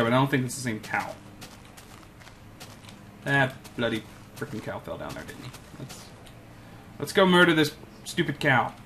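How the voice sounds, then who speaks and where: A man gives casual let's-play commentary, muttering to himself and coaxing in-game animals as he plays a video game. His voice is mid-range and a bit bright, with a little hiss or hum in the recording.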